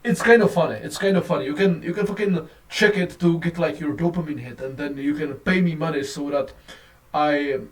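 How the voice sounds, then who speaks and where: A man in a casual, profane, rambling rant to camera, on a low-quality phone recording. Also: brisk, hardly any pauses, distant mic. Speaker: vlogger.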